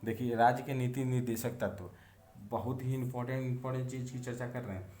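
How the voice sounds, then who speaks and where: A man's voice: mid-range voice, flat delivery, brisk, mellow. A man teaching civics for competitive exams. He drills each key term over and over and keeps quizzing with rhetorical questions. He is recorded in an echoey room with a faint hum behind him. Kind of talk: exam-prep civics lesson.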